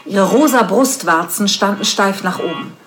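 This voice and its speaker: A woman reading an adult story aloud in a measured pace, with occasional slips and restarts. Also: mid-range voice, music in the background.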